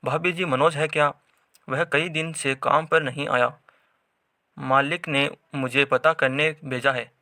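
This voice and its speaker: A man's voice: fairly high pitch, steady tone, unhurried, sharp tone, no room sound, studio quality. A man voicing a polite young male coworker bringing a warning. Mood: concerned.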